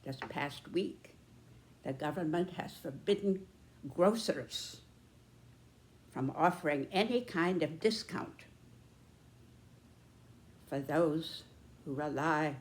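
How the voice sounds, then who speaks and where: Casting: American woman, 90s. Deep for a woman, unhurried and deliberate, pausing often, earnest commentary. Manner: deliberate, measured, with pauses between short phrases. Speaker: speaker giving a personal commentary.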